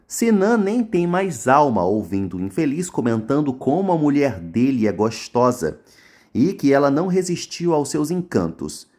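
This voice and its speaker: A man's voice: mid-range voice, a little mellow. A man with a Brazilian Portuguese accent recapping a soap opera episode in casual narration, dropping mocking, slangy asides.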